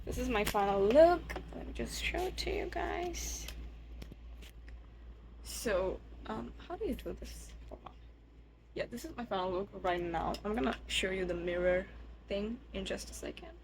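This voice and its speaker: A young woman, a student, chatting casually to her camera in a vlog, excitable and gushing at times, sometimes quiet and self-conscious. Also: medium pitch, moderate pace, gravelly, background noise. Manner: chatty, excitable, gushing over cute things. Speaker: vlogger and student.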